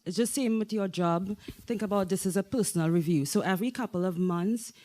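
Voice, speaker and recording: Woman panelist, mellow dark tone, practical and direct. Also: mid-range voice, brisk.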